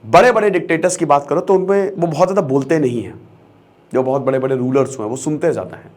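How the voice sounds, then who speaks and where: A man's voice: fairly high pitch, fast talker, darkish tone. A young man giving an emphatic motivational lecture as an online educator, switching between Hindi and English and repeating key phrases for stress.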